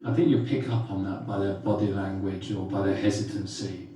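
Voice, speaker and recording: A man teaching a class and leading a simulation game, talking in a brisk, directive way, recorded from a distance in a classroom. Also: deep voice, fairly even intonation, mellow, slight background noise. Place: school classroom. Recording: echoey room, mic far off.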